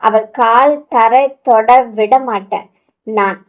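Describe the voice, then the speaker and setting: A woman's voice: on the high side, slow pace, lo-fi sound. A woman voicing a hot-tempered but devoted young husband in a romantic audio story, scolding and impatient. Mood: tender, boastful.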